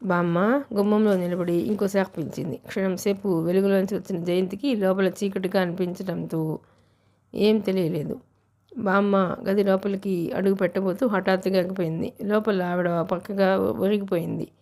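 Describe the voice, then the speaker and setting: A woman's voice: medium pitch, fairly even intonation, normal speed, a little mellow. A woman narrating a novel as an audiobook reader, telling the story steadily.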